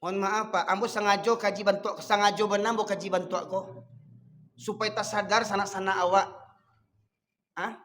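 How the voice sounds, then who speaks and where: A man's voice: high-pitched, level tone, fairly quick, pauses often, a bit bright, big-room sound. A man with a Minangkabau accent preaching a sermon, fiery and scolding. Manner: fiery, scolding, switches between dialect and Indonesian.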